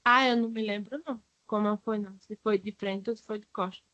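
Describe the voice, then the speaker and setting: A woman's voice: mid-range voice, fairly even intonation, quick pace, fairly bright tone, dry recording, lo-fi sound. A woman with a Brazilian Portuguese accent giving hesitant, vague answers as a witness in court. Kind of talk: courtroom testimony.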